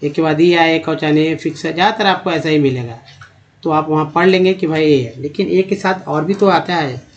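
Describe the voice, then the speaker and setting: A man teaching English pronunciation to Hindi speakers, spelling out words and repeating each one slowly while quizzing the viewer. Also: on the high side, a little hiss or hum. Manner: repeats each word slowly, drilling vowel sounds; addresses viewers as friends, asks rhetorical questions. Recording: dull lo-fi recording.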